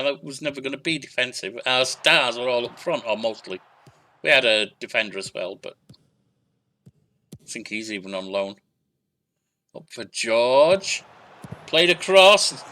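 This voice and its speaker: A young man with a bright, forceful voice chats his way through a football management game. He calls the passes and shots in quick clipped bursts, then muses aloud about his team and his substitutions. His pitch sits in the middle for a man. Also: a little hiss or hum. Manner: chatty, narrating match play in short bursts, thinking aloud. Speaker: gaming YouTuber. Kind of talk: casual let's-play commentary.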